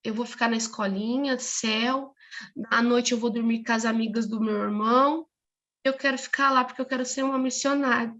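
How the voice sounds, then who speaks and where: A woman's voice: fairly high pitch, fairly even intonation, normal speed, a bit bright, natural voice. A woman voicing her young daughter in a story, eager and pleading in tone. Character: eager excited young girl.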